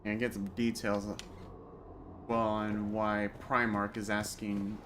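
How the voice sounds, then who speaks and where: A man's voice: on the low side, flat delivery, takes it slowly. A man giving casual video game playthrough commentary in short, muttered reactions and mild exclamations. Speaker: game streamer. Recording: clear game noise in background. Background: video game sound.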